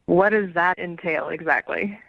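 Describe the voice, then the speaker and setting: A woman's voice: lowish voice, normal speed, creaky, no room sound. A woman heard over the phone on a radio show, answering questions in a hesitant, guarded way. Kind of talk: casual phone conversation. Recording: narrow tinny phone line.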